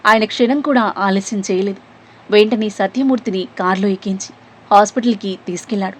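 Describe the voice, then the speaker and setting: A woman's voice: mid-range voice, fairly quick, breathy edge. A woman narrating a serialized family drama story, reading the characters' lines herself.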